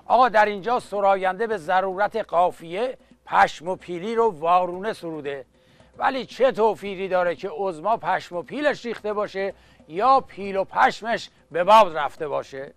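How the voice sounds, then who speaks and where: A man's voice: high-pitched, lively intonation, dry recording. A man performing as an epic teahouse storyteller, declaiming satirical rhymed verse in a theatrical, mocking way with spoken asides. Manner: mocking, mock-heroic.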